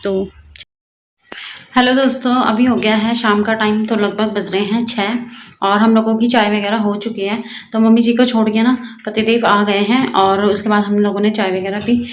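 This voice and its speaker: A woman's voice: mid-range voice, steady tone, moderate pace. Young woman, casual vlog narration, kitchen at home, rambling with fillers, faint noise. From Garhwal, Uttarakhand. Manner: chatty, rambling, many fillers. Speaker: vlogger.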